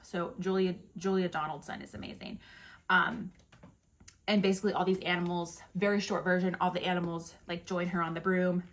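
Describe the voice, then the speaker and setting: A woman's voice: fairly low pitch, level tone, fairly quick, slight background noise. A woman chatting casually and enthusiastically about favorite picture books, with lots of fillers and restarts. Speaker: book reviewer. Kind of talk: casual book recommendations.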